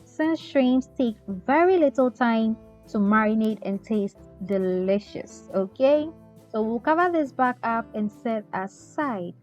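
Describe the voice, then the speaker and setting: A chatty woman talks viewers through a recipe in a fairly high voice. She keeps checking in with a friendly "okay?" as she goes. The sound is a bit dull, with faint music underneath. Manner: chatty, often ends with "okay?". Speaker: cooking channel host. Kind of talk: cooking tutorial voice-over.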